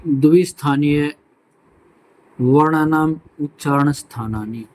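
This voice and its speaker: A man's voice: a little high, slow, a little hiss or hum, rough recording. A male teacher giving a pronunciation lesson, saying each sound aloud to demonstrate it.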